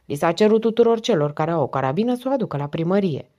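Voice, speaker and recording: A woman's voice: lowish voice, expressive, dark tone. A woman voicing a shy, chubby schoolboy who answers questions earnestly and politely in an audiobook reading.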